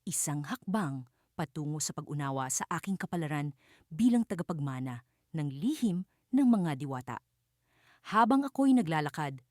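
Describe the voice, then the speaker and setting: A woman tells a fantasy storybook in the first person, her voice low and her melody lively. She narrates expressively and dramatically. The recording is dry and close. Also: no room sound.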